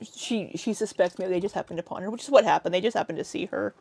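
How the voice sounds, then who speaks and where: A woman's voice: medium pitch, fast, creaky, a little mellow. A woman co-hosting a casual livestream chat, blunt and sweary, reading out viewer comments. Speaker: co-host.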